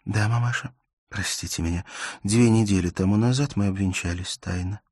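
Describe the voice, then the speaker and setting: A man voicing a quiet, resolute young woman who answers her father softly and calmly. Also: lowish voice, normal speed, no room sound, clean studio sound, lightly acted. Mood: quiet firm. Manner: soft-spoken, restrained, calm.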